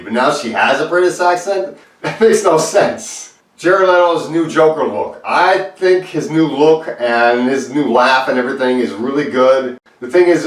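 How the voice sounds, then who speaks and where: A man giving a casual movie review, talking in animated bursts of disbelief. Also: mid-range voice. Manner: animated, exasperated outbursts of disbelief. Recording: roomy and far from the mic.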